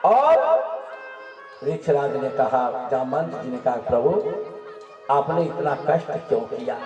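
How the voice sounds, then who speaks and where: A male preacher tells a devotional story with a fairly high voice, emphatic and leading the crowd in call-and-response chants. He sounds far from the mic in a roomy, echoey space. The sound is dull and muffled, with clear music and a crowd behind him. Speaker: katha preacher.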